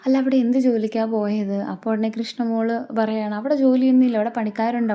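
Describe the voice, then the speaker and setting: Casual Malayali woman narrator, mellow and a touch high, chatty storytelling. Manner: chatty, retells the characters' lines in her own voice. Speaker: serial recap narrator. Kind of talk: casual retelling of a TV serial episode.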